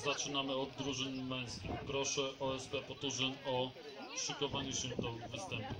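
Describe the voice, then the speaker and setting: A man's voice: mid-range voice, flat delivery, normal speed. A man making announcements as the announcer at an outdoor competition. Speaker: event announcer. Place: large outdoor grass sports field. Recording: noisy outdoor sports field recording.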